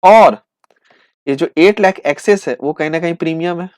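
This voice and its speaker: A man teaching accountancy in with terms, asking questions and answering them himself, slowing right down to dictate entries. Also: fairly high pitch, no echo, clean studio sound. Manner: lively, asks and answers his own questions, slows to dictate entries. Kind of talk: classroom lecture acting out students' replies.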